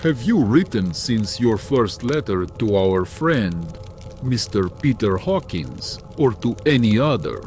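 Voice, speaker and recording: A commanding vampire count in an audiobook drama. He speaks very slowly in a low voice that swoops widely, courteous yet sinister, with music underneath. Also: sing-song, darkish tone. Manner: formal, deliberate, archaic phrasing with lingering pauses.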